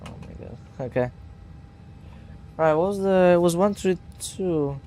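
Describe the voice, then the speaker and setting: A man's voice: high-pitched, unhurried, dark tone, slight background noise. A man streaming a flight simulator, casually thinking aloud and muttering to himself as he works through procedures.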